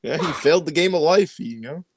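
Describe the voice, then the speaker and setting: A young man co-hosting a podcast in casual chat, joking deadpan over a voice call mic. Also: fairly high pitch, a little fast, gravelly, slight background noise. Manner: joking, deadpan absurd humor. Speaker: podcast co-host. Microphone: computer mic on a voice call.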